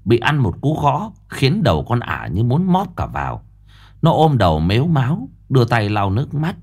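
A man narrating an audiobook ghost story in a lively storytelling manner. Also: mid-range voice, moderate pace, slightly rough.

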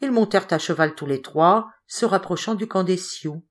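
A woman narrating an audiobook in a measured, expressive way. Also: on the low side. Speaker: audiobook reader.

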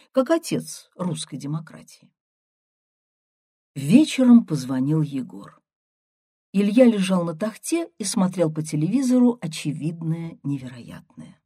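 Expressive woman narrator, low voice, dry close sound. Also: husky, dry recording. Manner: expressive, varied. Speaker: audiobook narrator. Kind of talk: storybook narration.

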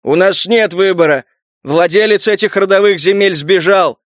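A man's voice: sits high, moderate pace, no echo, clean studio sound, natural voice. A man voicing a wary town headman who distrusts mutants, in an audiobook.

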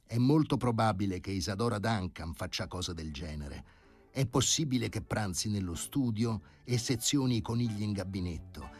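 A man's voice: on the low side, expressive, normal speed, darkish tone, breathy edge, soft background music, pitched above the performer's own voice. A man reading an audiobook, voicing an indignant aging male professor who speaks with haughty, scornful politeness. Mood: mocking.

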